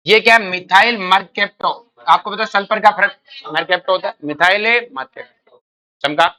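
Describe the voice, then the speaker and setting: A male chemistry teacher whose voice sits high speaks at a moderate pace with a sharp tone. Coaching exam students, he fires questions, calls them "beta," and repeats the answers in a call-and-response lecture.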